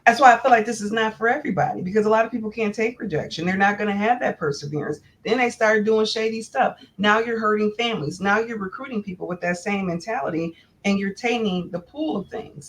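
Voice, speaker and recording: Woman, panel guest, mid pitch, measured, earnest, reflective, conversational. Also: a little hiss or hum. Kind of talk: casual panel discussion.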